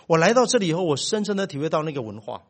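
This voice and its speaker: A middle-aged man preaching a sermon as pastor, telling stories with big swings in loudness. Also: fairly high pitch, sing-song, very fast.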